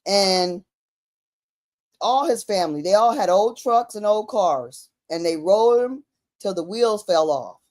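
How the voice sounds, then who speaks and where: A woman's voice: mid-range voice, lively intonation, unhurried, a little mellow. A woman talking casually and emphatically, using slang and repeating phrases to drive her points home. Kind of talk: casual conversational commentary.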